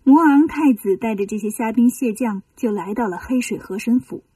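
A woman reads a children's story aloud in a lively, expressive voice. Her tone is mellow and slightly breathy, fairly high. The sound is dry, with the voice set a little back from the mic. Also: moderate pace, no echo, distant mic.

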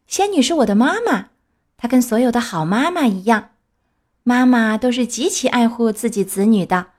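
Cheeky little wooden puppet boy, chatty and high, storybook voice, woman putting it on. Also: animated, moderate pace, darkish tone.

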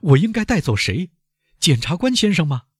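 Brief: man doing a frantic young man for an audiobook, pitched well up, husky, urgent pleading. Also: big pitch swings, moderate pace, dry recording, studio quality. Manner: urgent, high and loud pleading. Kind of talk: audiobook character voice.

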